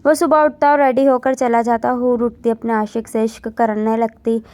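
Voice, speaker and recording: A woman tells an emotional story in a steady, earnest way. Her voice sits fairly high and the recording is close and dry, with no room around it. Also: normal speed, dry recording.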